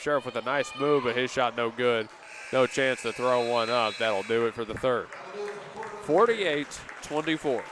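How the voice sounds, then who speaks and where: A man doing casual play-by-play commentary on a high school basketball game for a local radio stream, with easy asides between plays. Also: background noise. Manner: steady play-by-play, casual asides and quick self-corrections. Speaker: play-by-play announcer.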